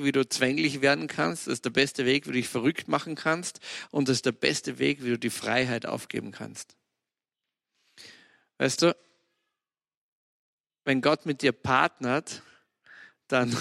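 A man gives a casual devotional podcast talk, telling lively stories and dropping in English exclamations. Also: mid-range voice, vocal fry, no room sound, clean studio sound. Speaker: podcast host.

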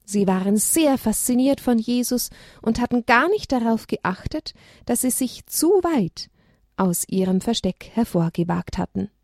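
A woman reads a children's story aloud with a gentle, expressive delivery. Her voice sits a little high. The recording is dry and close, with no room sound. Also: a little slow, dry recording.

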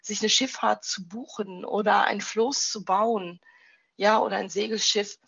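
Middle-aged woman, grief counselor, husky, calm explainer, dry, dull sound. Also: mid-range voice, unhurried, no room sound. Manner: calm, explains with vivid child anecdotes and images. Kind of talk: interview answers, storytelling with examples.

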